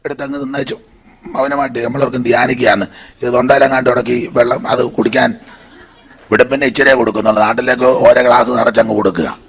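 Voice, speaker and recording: A man pastor with a Malayali accent delivers a sermon in a church hall, rattling off lists and turning to the congregation with asides. His voice is bright and forceful, with a husky edge from a blocked throat. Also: mid-range voice, fairly even intonation, quick pace.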